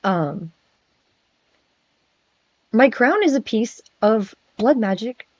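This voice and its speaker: Slow, expressive, and a little high with a darkish tone, this woman's voice plays a friendly male vampire prince on a virtual stream. She chats casually, stammering and giggling nervously, through a dry, dull lo-fi mic with no echo.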